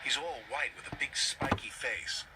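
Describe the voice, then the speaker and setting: A man's voice: medium pitch, normal speed, distant mic, very noisy, lightly acted. A man voicing a cheeky, teasing young male engine in a toy-train storybook. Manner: teasing, playful.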